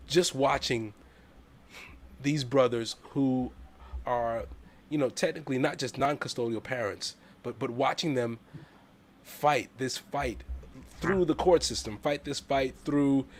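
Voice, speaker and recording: A man hosting a talk show, speaking in a heartfelt, halting way with many repeated words. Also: mid-range voice, slight background noise. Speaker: host. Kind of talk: casual chat.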